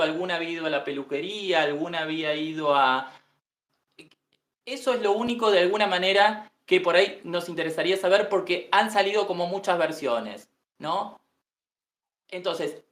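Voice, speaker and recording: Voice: medium pitch, fairly bright tone. An interviewer asking probing, repeated questions in a roomy-sounding space. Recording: roomy echo.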